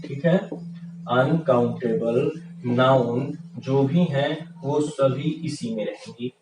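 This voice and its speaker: A man's voice: mid-range voice, takes it slowly, over music. A man teaching English grammar, asking questions and answering them himself. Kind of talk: classroom-style grammar lesson. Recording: echoey room, far from the mic, with noise.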